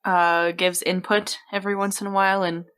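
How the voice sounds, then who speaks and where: A woman's voice: fairly low pitch, little pitch movement, a little fast, a bit bright, clear, resonant tone. A young woman co-hosting a podcast in casual chat, giving brief amused reactions and laughing often. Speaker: podcast co-host.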